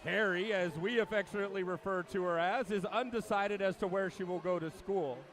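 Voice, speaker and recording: High-voiced man announcing a swim meet. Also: fairly bright tone, a little hiss or hum. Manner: measured, emphatic delivery with dry asides. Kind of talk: public address announcement.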